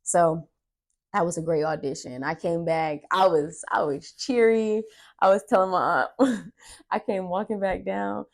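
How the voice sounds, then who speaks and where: A young woman vlogging in a casual storytelling way, her voice sitting low. She is chatty and keeps acting out what people said to her. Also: steady tone, a little slow, gravelly. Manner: chatty, retells dialogue with "I was like".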